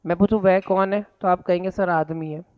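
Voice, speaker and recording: A man's voice: high-pitched, fairly even intonation, moderate pace, clear, resonant tone, phone-quality sound. A male English teacher with an Indian accent, giving a live classroom lecture that mixes Hindi and English and drills students with repeated questions.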